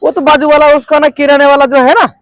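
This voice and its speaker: A man runs a sales training seminar in a strikingly high voice. He keeps firing questions at the room and waits for the crowd to answer back. The sound is dry, with no room echo. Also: little pitch movement, fairly quick, fairly bright tone. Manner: quizzes the audience constantly, asks for call-and-response. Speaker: network marketing trainer. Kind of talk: interactive seminar talk. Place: training room with a group audience.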